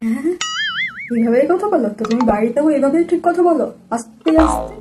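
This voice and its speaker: A woman's voice: sits high, expressive, brisk. A woman playing a young man, first a fiancé and then a husband, in a comedy skit, talking in an eager and bossy way, then placating. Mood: coaxing. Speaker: comic actor. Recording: loud background music.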